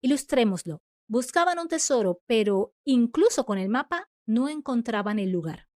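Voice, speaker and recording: Measured woman teaching a lesson. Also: on the high side, sing-song, darkish tone, no echo, studio quality. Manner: clear, measured explaining, acting out example sentences. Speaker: writing teacher. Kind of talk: scripted online lesson.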